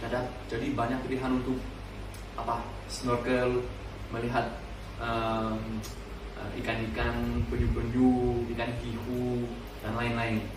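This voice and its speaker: A man in his twenties from France with a French accent, speaking halting Indonesian as a foreign learner and casually telling personal stories. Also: mid-range voice, completely flat delivery. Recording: distant mic, echoey room, noisy background.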